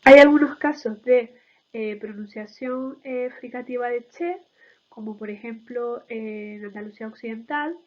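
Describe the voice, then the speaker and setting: A woman's voice: fairly high pitch, moderate pace, lo-fi sound. A woman giving an explanatory lecture in a didactic way, often checking in with short tag questions.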